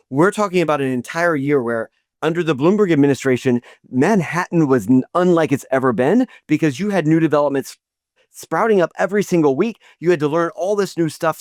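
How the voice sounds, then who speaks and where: A man's voice: a little high, darkish tone, dry recording, clean studio sound. A middle-aged man hosting an interview, speaking with admiration and frequent restarts. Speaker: podcast host. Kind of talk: interview conversation.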